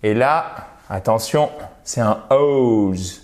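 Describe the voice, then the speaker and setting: Slow, deliberate French teacher, a man. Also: medium pitch, expressive, darkish tone. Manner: slow and deliberate, drawing out example words. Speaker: English teacher. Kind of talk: explaining English grammar in French.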